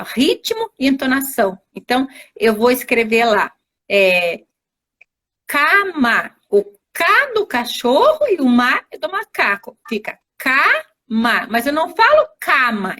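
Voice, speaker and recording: A woman's voice: on the high side, fairly bright tone. A woman teacher giving explanatory interview answers, working through step-by-step examples and often checking in with tag questions. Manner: didactic, spells out examples, frequent tag questions. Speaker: teacher, invited guest. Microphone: video call on a live stream.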